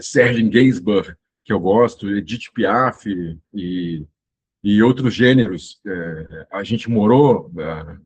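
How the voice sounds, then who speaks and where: This channel host, a Brazilian man in his fifties from inland São Paulo state, has a lowish, husky voice. He wanders through his memories casually, often restarting and leaning on fillers.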